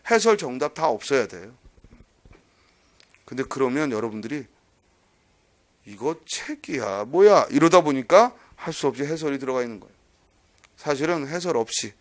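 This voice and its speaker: A middle-aged male lecturer teaching an exam-prep class, quizzing students and scolding them in a brisk, teasing way. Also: a little high. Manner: drills by counting letters out loud.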